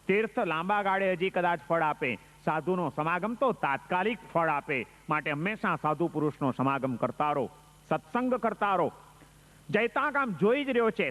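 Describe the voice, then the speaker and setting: High-voiced male preacher in echoing hall. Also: fairly bright tone. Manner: dramatic, rising emphatic storytelling. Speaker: Jain monk preacher. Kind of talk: sermon with storytelling.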